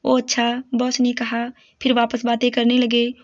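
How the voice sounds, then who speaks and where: A woman storyteller narrating a moral story in a steady, even manner. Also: on the high side, moderate pace. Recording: dull lo-fi recording.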